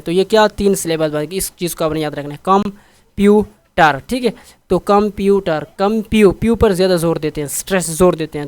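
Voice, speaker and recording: Patient male tutor, smooth and dry. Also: sits high, darkish tone, no room sound. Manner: patient, repeats words and checks understanding. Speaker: teacher. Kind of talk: explaining a textbook exercise in Urdu with English terms.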